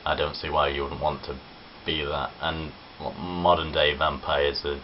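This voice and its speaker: A young man from Nottinghamshire, England, with an English Midlands accent, chats casually and self-deprecatingly in a home video vlog, his voice extremely low and level and his pace a little slow. He records with a camera on a tripod, producing dull lo-fi webcam audio with faint hiss.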